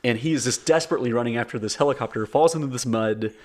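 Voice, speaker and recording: A man's voice: medium pitch, rapid-fire. Man, podcast co-host, casual movie talk, enthusiastic, lots of fillers. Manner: enthusiastic, filler-heavy storytelling. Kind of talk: casual movie review chat.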